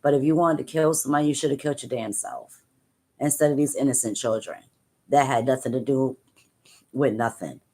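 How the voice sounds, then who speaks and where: Low-voiced tearful woman livestreaming. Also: warm tone. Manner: halting, repeats herself, upset and angry. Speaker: mother livestreaming to viewers. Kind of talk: emotional live-stream talk.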